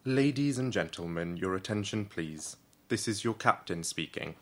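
A man voicing an airline captain who makes a formal, measured cabin announcement in an audiobook. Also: lowish voice, expressive. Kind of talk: audiobook reading.

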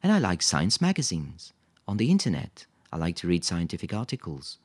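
A man's voice: low-pitched, wildly swooping pitch, normal speed, a little mellow, full character voice. A man voicing an earnest French teenage boy speaking careful English, in an audiobook reading. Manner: careful, earnest, slightly hesitant.

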